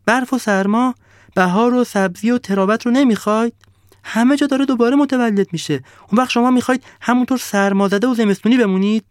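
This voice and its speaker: A man's voice: high voice, hardly any pauses, a little mellow, no room sound, studio quality, voice pushed up, lightly acted. A man voicing the sun in a storybook tale, exclaiming in surprise and pleading with villagers. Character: the sun, bright and warm-hearted, later saddened.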